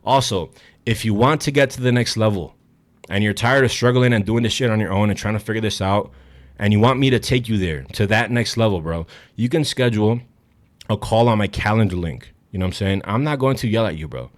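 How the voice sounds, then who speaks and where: A young man with a slightly low voice coaching gym technique straight to camera. He talks in a blunt, hyped, swear-heavy way and sounds a little out of breath. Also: brisk. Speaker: fitness coach. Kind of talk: direct-to-camera fitness vlog.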